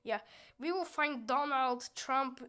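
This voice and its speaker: A young woman streaming a game chats goofily and reads its lines aloud, breaking into squeals now and then. Her youthful voice is high, slow, sharp and clean.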